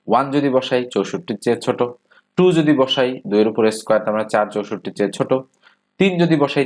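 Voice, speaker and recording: A man with a Bangladeshi Bengali accent teaching an exam-prep math lesson, explaining step by step, asking rhetorical questions and filling pauses with "ah". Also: medium pitch.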